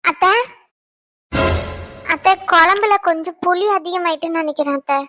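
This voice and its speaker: A woman's voice: very high voice, normal speed, bright, forceful tone, soft background music. A woman voicing a timid young daughter-in-law who answers her angry mother-in-law hesitantly. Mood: meek. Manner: hesitant, meek.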